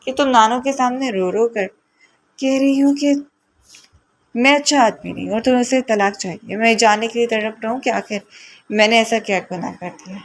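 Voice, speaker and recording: A woman's voice: a little high, close to an everyday voice, low-quality recording. A woman reading the part of a stern, angry young husband who talks in harsh, demanding bursts.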